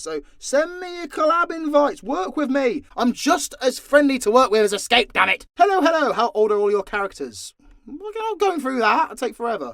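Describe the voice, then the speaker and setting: A man from southern Britain, an audio story creator and voice actor, answers questions in a casual, unscripted Q&A, blunt and joking and swearing often. He has a southern English accent and a very high-pitched, fairly bright voice. The studio recording is clean, with no room sound.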